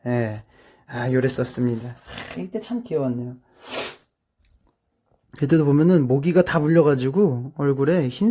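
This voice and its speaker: A young man from South Korea chatting casually through his childhood photos, with lots of drawn-out filler words and amused asides. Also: mid-range voice, mellow, husky. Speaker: streamer.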